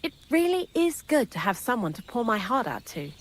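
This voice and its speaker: A woman with a rather high, sing-song voice speaks fairly quickly. She's an actress playing a chatty, wry young female thief in hiding, the miller's accomplice in a video game.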